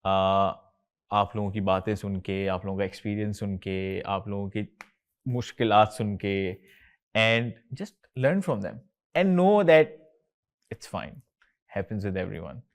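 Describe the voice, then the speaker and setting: Speaking rapid-fire in a voice on the low side, this host is a thirty-something co-founder from Karachi. He keeps the talk with students relaxed and chatty, his Pakistani accent coming through as he moves back and forth between Urdu and English.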